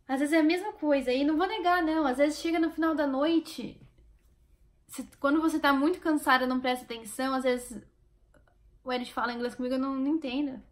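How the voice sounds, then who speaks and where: Brazilian woman vlogger, high voice, chatty and encouraging. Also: fairly even intonation, brisk. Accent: Brazilian Portuguese. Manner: chatty and encouraging, speaking straight to viewers. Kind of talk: casual vlog.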